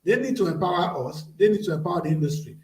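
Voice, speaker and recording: High-pitched male host in a roomy echo. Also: expressive, fast, darkish tone, slight background noise. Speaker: panel host. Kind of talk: informal panel moderation. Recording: roomy echo, far from microphone.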